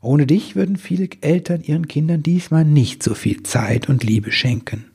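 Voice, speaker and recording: Man as a gravelly, fatherly storybook Santa, gentle and stern by turns. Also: normal speed, exaggerated voice. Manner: booming, then gentle and fatherly. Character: big stern but kindly Santa Claus.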